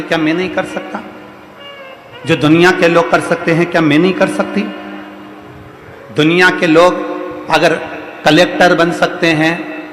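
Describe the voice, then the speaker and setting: A man delivering a devotional sermon in a fairly high voice, hammering each point home with rhythmic repeated phrases. His voice rings through a large, echoing hall with a long reverb tail, and soft music plays faintly underneath. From India. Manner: rhetorical repetition, emphatic refrains. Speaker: kathavachak preacher. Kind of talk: devotional sermon to a live audience.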